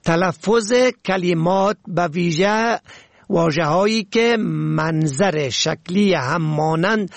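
A man with a gravelly voice on the high side presents a language program, reading a scripted lesson and listing words with their pronunciations in a measured way. The recording has no room sound.

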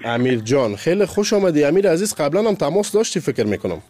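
A man's voice: a little high, very animated, warm tone, faint music behind. A man hosting a radio call-in show, effusive and affectionate toward callers. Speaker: radio host.

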